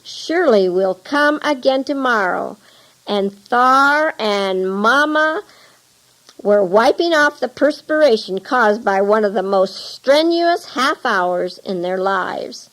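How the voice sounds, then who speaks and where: A woman reading a true mission story aloud in calm, measured storytelling narration. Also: medium pitch, poor audio. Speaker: audiobook reader.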